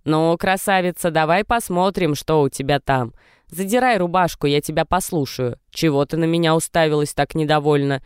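A heavyset, no-nonsense old lady doctor, read by a man, giving short orders in a clear, smooth voice with a slightly raised pitch. This is a storybook scene with a dry, close sound. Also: dry recording, natural voice. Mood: brisk. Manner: brisk, bossy. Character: stout older woman doctor, brisk and no-nonsense.

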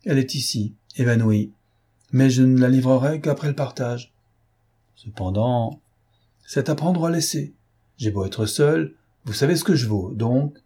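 A man reading an audiobook voices a cocky adult gentleman thief who mocks and commands, his voice rising sharply on orders. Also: medium pitch, a little slow, breathy edge. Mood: calm, bargaining. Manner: mocking, commanding, with raised voice in orders.

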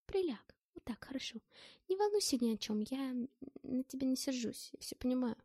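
A woman's voice: high-pitched, moderate pace, dark tone, no room sound, clean studio sound, pitched above the performer's own voice. A woman voicing a sly, dangerous young woman who coaxes sweetly and then shrieks in fury, in an audiobook. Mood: coaxing. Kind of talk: audiobook character voice.

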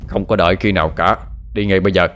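A man's voice: low-pitched, steady tone, fast talker, fairly bright tone, faint music behind. Man playing a sneering bully henchman. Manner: sneering, threatening. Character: rude young henchman, bullying and insolent.

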